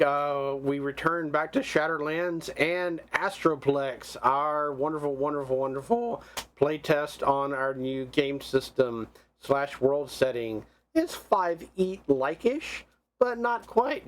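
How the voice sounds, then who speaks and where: An enthusiastic man hosting a tabletop game show and giving its closing announcements, repeating his words with relish. His voice sits a little higher than most men's. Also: a little hiss or hum. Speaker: game master and host.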